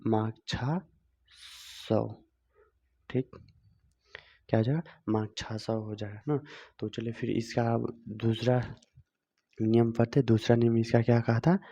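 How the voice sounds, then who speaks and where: A man gives a grammar lesson in a mellow, dark voice. He keeps asking questions and answering them himself, going over each step again. The recording sounds dull and lo-fi. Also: medium pitch, little pitch movement, normal speed. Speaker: Hindi grammar teacher. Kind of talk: video lesson.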